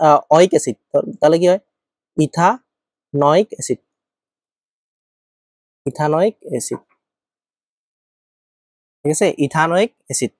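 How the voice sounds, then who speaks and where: A man's voice: on the high side, dry recording, clean studio sound. A male chemistry teacher giving an informal lecture, asking and answering his own questions and checking in with students often. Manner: asks and answers his own questions, thinks aloud while writing.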